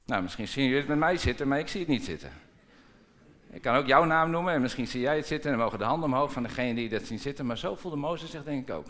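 A man's voice: medium pitch, quick pace, a bit bright. Man preaching in a reverberant hall. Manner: dramatic, acts out quoted dialogue in shifting tones. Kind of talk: sermon. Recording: long reverb in a large hall.

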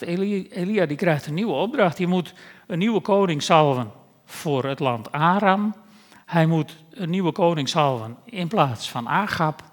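Wry preacher man in a reverberant church. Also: sits high. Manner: conversational, wry asides. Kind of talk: sermon.

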